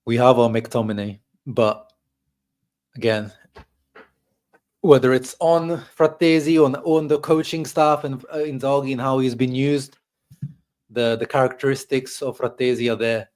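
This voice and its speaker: A man hosting a football reaction chat, talking through tactics in a measured, downcast way with frequent restarts. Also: medium pitch, fairly even intonation, darkish tone. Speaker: football channel host. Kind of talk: casual match reaction chat.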